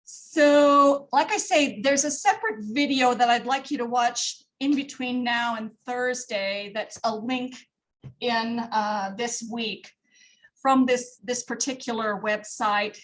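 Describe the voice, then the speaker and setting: A woman's voice: a little high, slow. Woman, nursing instructor, casual lecture style, fillers and asides, roomy distant classroom recording. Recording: roomy classroom audio from far off.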